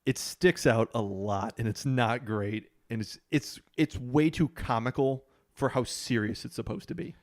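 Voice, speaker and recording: A man's voice: mid-range voice, a little slow, few pauses. A man co-hosting a podcast, talking in a conversational, dry and opinionated way. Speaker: podcast co-host. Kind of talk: casual chat.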